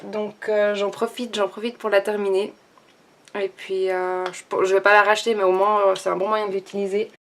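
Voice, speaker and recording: A young woman talking casually through a makeup tutorial and review, thinking aloud with many pauses and restarts. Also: medium pitch, flat delivery, a bit bright. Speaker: beauty vlogger.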